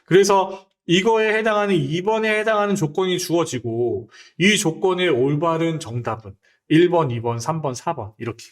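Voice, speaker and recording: A man teaching a spreadsheet exam lecture, talking straight to his viewers and keeping them involved with constant quick questions. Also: a little high. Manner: lively, rhetorical questions to viewers.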